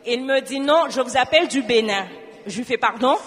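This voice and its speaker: Give me a woman giving an animated church testimony, echoing in a big hall. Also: a little high, brisk. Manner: animated storytelling, acting out both sides of a dialogue. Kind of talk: spoken testimony.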